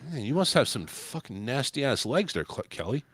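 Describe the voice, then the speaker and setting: A man's voice: mid-range voice, big pitch swings, moderate pace, fairly bright tone, husky, no echo. A man hosting a casual comedy podcast, crude and profane, rambling through celebrity gossip. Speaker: podcast host. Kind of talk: casual comedic chat, recapping celebrity news. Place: home studio in Florida.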